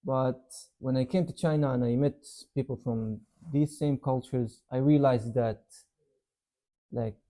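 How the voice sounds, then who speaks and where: A young man from Yemen who grew up in Saudi Arabia answers interview questions in an easy, meandering way. His voice is very dark and mellow, and he leans on "like" and "you know" as he talks. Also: mid-range voice, measured pace. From Yemen, raised in Saudi Arabia. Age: young adult. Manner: relaxed, rambling, many "like" and "you know" fillers. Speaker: interview guest, university student. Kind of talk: casual interview chat.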